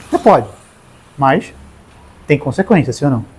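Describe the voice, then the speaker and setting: A man's voice: mid-range voice, moderate pace, breathy edge. A man with a Brazilian Portuguese accent preaching a sermon, calling on listeners in the congregation by name. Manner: animated, talks straight to the congregation by name.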